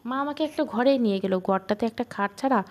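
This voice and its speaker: A woman narrating a first-person story in a calm, steady reading voice. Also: a little high, brisk.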